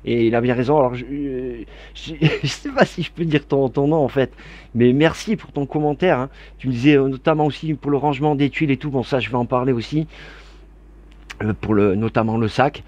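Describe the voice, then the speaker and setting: A man's voice: medium pitch, brisk, muffled recording. Man for a casual tabletop rules video: rambling, giggly, talking straight to his subscribers. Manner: rambling, chatty, laughs often, many digressions; warm and grateful toward viewers. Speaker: board game YouTuber. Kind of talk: casual rules explanation to camera.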